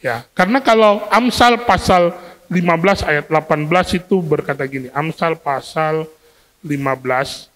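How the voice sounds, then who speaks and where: A man preaching a sermon to a congregation, lively and questioning, acting out everyday scenes to make his point. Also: on the high side, normal speed. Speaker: pastor. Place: church hall. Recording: long hall reverb from a church.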